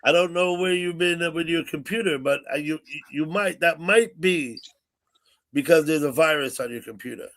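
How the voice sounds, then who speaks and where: A man in his sixties hosts a loose livestream chat, talking into a computer mic on the stream call. His slightly bright voice runs a little high for a man, at normal speed. He rambles, circling back and repeating words as he goes.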